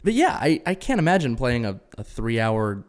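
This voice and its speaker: A man hosting a casual podcast, agreeable and quick to chime in with agreement. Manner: agreeable, lots of quick yeahs, lively pitch. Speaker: podcast host.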